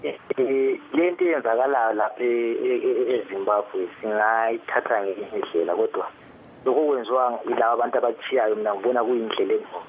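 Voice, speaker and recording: Fast-talking Zimbabwean Ndebele man on tinny phone. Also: mid-range voice. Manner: halting, repeats word beginnings. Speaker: phone-in caller. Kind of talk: giving an opinion on a live call-in. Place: phone call. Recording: noisy, muffled, tinny phone line.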